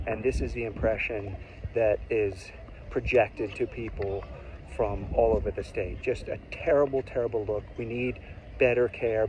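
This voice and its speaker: A man's voice: on the low side, a little mellow, a little hiss or hum. A man vlogging outdoors at public tennis courts, sounding indignant and exasperated as he talks. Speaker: local vlogger. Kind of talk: outdoor complaint vlog.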